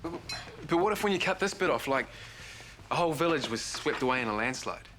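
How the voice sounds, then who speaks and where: A man's voice: mid-range voice, animated, a little fast, background noise, natural voice. An actor with a New Zealand accent playing a wry, skeptical young man with a dry way of talking. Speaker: actor in a TV series. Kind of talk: TV drama acting. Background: music.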